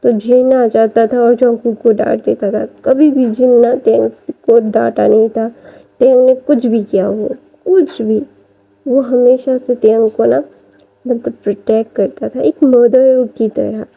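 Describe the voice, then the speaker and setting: A woman retells a fan story in a casual, chatty way, full of fillers and restarts. Her voice sits fairly high and the recording sounds dull and lo-fi. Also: steady tone, a little slow, creaky. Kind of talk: casual fan-fiction narration.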